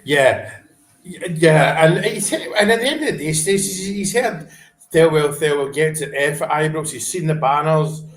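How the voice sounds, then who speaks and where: A man vlogging a live football reaction from home, chatting casually, then erupting into shouted celebration and swearing before apologising. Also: a little high, normal speed, echoey room, poor audio. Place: at home, wife in the room.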